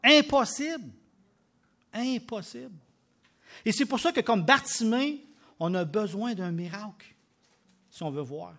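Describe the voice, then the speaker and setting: A man with a Québécois French accent preaching a sermon, emphatic, with loud bursts and quiet drops. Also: high voice, big pitch swings, moderate pace. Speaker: pastor.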